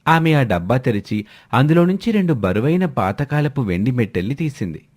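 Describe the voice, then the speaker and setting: A man narrating a scripted story in an even storytelling manner. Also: medium pitch, a little fast.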